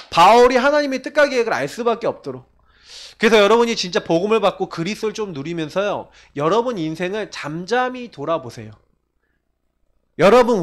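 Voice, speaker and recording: Animated Korean pastor preaching a sermon. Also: male voice. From South Korea. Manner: animated preaching, quoting figures in a hushed low voice. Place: church sanctuary.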